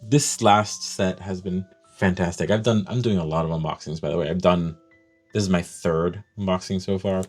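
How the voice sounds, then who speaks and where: A man's voice: sits low, normal speed, faint music behind. Gushing man reviewing fragrances. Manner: enthusiastic, gushing, thinks aloud. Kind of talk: excited unboxing commentary.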